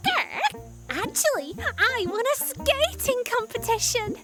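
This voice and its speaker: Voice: very high voice, very animated, a little slow, over loud music, exaggerated voice. Olive, a cheerful young cartoon ostrich girl. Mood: relieved, playful. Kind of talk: animated children's storybook dialogue.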